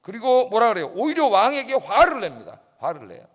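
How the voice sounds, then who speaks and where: Animated high-voiced male preacher in a church hall. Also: brisk. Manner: keeps checking in with the congregation by asking "yes?". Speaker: pastor. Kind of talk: sermon. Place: church sanctuary. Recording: long reverb in a church hall.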